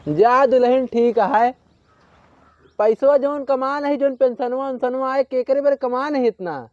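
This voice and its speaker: A man's voice: very high voice, a little slow, dry recording, lo-fi sound. An older man with an Awadhi accent playing a retired father-in-law who grumbles about money in a comedy sketch.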